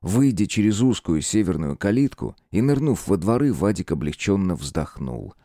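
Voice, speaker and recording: A man giving a measured, expressive scripted narration of a horror story as an audiobook reader. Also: sits low, no echo, clean studio sound.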